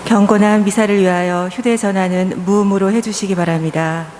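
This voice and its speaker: Woman, Mass commentator, formal scripted liturgical reading, medium pitch, faint background noise. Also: steady tone, a little fast, a little mellow. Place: church during Mass.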